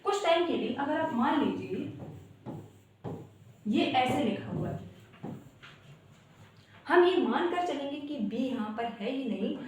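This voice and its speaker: A woman English teacher giving a pronunciation lesson, explaining step by step, slowly repeating words and addressing viewers as "guys". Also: sits high, lively intonation, a little hiss or hum. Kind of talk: classroom-style pronunciation lesson. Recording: echoey room, voice from a distance off the mic.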